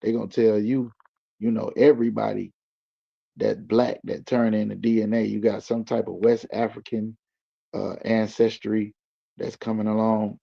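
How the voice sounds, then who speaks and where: A man's voice: on the low side, level tone, normal speed, creaky. A man speaking as a guest in loose slang, building his points like a preacher. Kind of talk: casual explaining. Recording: dull lo-fi recording.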